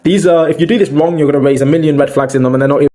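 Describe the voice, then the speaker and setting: A man's voice: on the high side, steady tone, very fast, warm tone. A man giving an informal sales training talk, addressing listeners as "boys" and often restarting his sentences. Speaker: sales coach. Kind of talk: casual online training talk.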